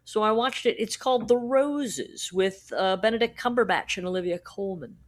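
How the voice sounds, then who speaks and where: A woman's voice: mid-range voice, moderate pace. Wry woman podcast co-host. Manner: wry, laughs easily, swears casually. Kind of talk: casual podcast chat.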